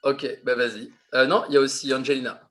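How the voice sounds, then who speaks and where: A man's voice: mid-range voice, steady tone, fast talker, a bit bright. A man teaching an improv class, explaining patiently and repeating his key points.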